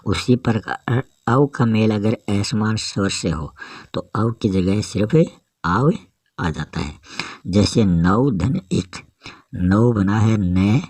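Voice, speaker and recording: A man teaching a grammar lesson, explaining each step slowly and carefully. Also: lowish voice, darkish tone, dry recording.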